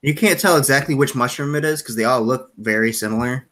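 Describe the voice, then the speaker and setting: A man's voice: medium pitch, fast talker, fairly bright tone. A man running a tabletop game as game master over a video call, describing scenes loosely with lots of fillers.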